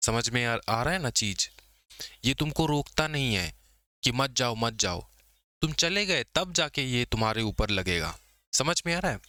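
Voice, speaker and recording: A young man teaching an exam-prep law class, often checking whether students follow and slowing down to dictate definitions. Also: medium pitch, pushed and bright, dry recording. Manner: explains casually, checks understanding with repeated questions; slows to dictate English definitions. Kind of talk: exam lecture.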